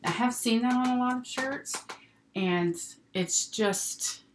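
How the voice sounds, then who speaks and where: A woman's voice: fairly high pitch, slow. A middle-aged woman giving a casual, chatty hands-on tutorial, talking herself through each step as she works at a table. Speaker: sewing instructor hosting a live stream. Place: indoors at a work table. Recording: noisy home recording with rustling paper and clicks. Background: paper rustling, clicks, steady noise.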